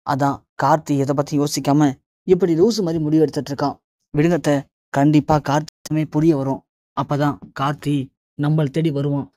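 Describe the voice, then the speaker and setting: A narrator reading the lines of a calm young woman who reassures her mother-in-law in a retold TV serial. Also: medium pitch, a little fast, lightly acted. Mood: explaining. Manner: soothing, reassuring.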